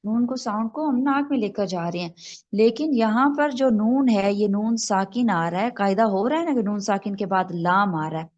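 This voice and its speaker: A woman teaching an online Quran recitation class, explaining rules patiently and slowly spelling out examples over a video call. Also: on the high side, a little mellow, dull audio.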